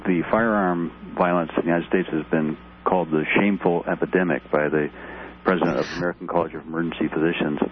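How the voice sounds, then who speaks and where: A man's voice: deep voice, steady tone, fast talker. A middle-aged man, an ER doctor and candidate, calling in to a talk radio show over the phone, earnestly laying out figures. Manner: earnest, steadily citing figures. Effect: heard over the phone. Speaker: caller, congressional candidate and ER doctor. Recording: tinny phone line with faint noise.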